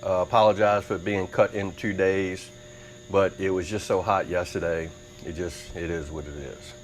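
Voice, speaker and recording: A man's voice: low voice, fairly even intonation, normal speed, a little hiss or hum, rough recording. A Southern man hosting a casual cooking vlog, talking in a folksy, chatty drawl. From Mississippi. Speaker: cooking channel host. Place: workshop with insects outside.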